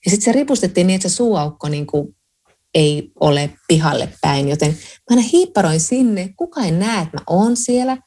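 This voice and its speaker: A woman co-hosting a book podcast, telling casual stories with a lively, laughing manner. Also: on the low side. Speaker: podcast co-host. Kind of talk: casual chat.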